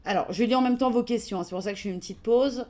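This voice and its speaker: French-accented woman hosting a live online trading webinar; slightly high voice, relaxed and halting delivery. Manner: casual and hesitant, many fillers, answers questions while reading them. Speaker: webinar presenter for trading software.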